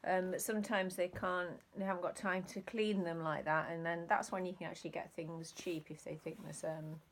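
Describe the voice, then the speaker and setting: A woman with a low, gravelly voice rambles through a casual home vlog, pausing often with ums and restarts. A faint hum of background noise sits under her voice. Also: flat delivery. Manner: rambling, hesitant with many ums. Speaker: reseller vlogger. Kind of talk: casual chat.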